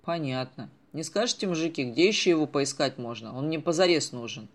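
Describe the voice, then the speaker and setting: A man voicing a gruff, commanding adult police captain who talks loudly. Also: on the high side, lively intonation, brisk. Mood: polite. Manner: loud, brusque, commanding.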